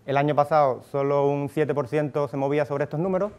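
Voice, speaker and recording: With a slightly high, smooth and a little mellow voice, a man in his thirties from Cuba talks fast with fairly even intonation and a Cuban Spanish accent. He's giving a casual talk on a handheld microphone to an audience in a conference room, restarting often and filling pauses as he thinks aloud.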